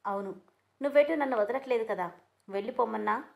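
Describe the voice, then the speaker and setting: A woman's voice: on the high side, a little fast, creaky, a little mellow. A woman reading the part of a stubborn, tearful young woman who speaks defiantly and sulkily. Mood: sulky. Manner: defiant, sulky.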